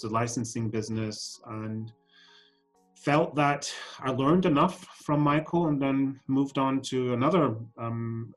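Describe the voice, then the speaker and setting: On this low-quality recording, a mid-range male voice belongs to a fashion council CEO in his forties who was born in Scotland and grew up in Germany. He answers podcast interview questions haltingly, often saying um and starting over.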